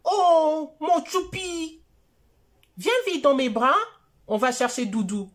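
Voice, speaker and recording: Storybook mom, soft and reassuring, slow and lilting, read by a woman. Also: high voice, animated, voice pushed up. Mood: caring. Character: gentle caring mother.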